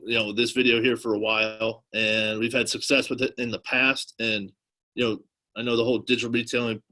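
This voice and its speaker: A man's voice: mid-range voice, pushed and bright, poor audio. A man giving an informal marketing presentation in a wordy, hesitant way, often saying "you know". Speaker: guest presenter on car dealership marketing.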